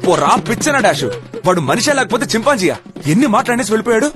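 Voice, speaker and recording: A fawning young man rushes to comfort a woman, pouring out eager flattery. He rattles on very fast in a high voice, with faint music behind him. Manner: eager, ingratiating rambling.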